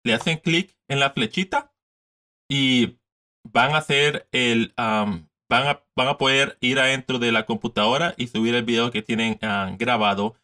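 A man's voice: medium pitch, fairly even intonation, a little slow, pushed and bright. A man in his thirties giving a casual step-by-step screen tutorial from his desk, repeating steps and mixing in English words. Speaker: tutorial host.

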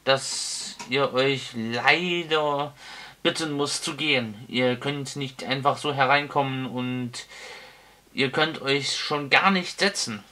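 A man's voice: medium pitch, slow, pushed and bright. A man voicing a small, fussy male homeowner in an audiobook, stiffly polite and flustered. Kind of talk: audiobook character voice.

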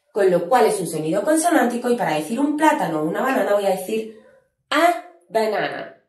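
Lively-voiced woman teaching a lesson. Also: mid-range voice, reverberant. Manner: clear, patient explaining with slow drawn-out example words. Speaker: English teacher. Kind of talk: online grammar lesson.

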